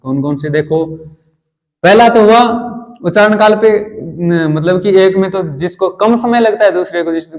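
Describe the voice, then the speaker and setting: A man teaching a grammar lesson, asking the class questions and answering them himself, slowing down to sound out vowels one by one. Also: high voice. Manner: explains step by step, asks and answers his own questions.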